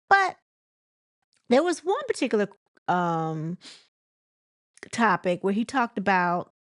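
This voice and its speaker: A woman's voice: medium pitch, dry recording, clean studio sound. Chatty woman rambling through celebrity gossip. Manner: rambling, filler-heavy with frequent restarts; chatty and conversational. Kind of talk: casual commentary.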